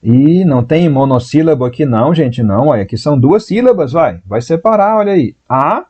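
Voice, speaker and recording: A Brazilian man teaching Portuguese in a live online exam-prep class, talking in a lively, chatty way and answering viewers by name. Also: a little high, brisk, slightly rough. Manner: voices students' doubts in a raised voice.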